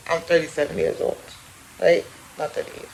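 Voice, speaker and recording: A woman in her 30s chats casually to camera as a vlogger at home in her apartment, animated, laughing often, and speaking straight to viewers. She has a low-pitched voice with vocal fry and keeps a moderate pace. The audio is poor, with a little hiss or hum.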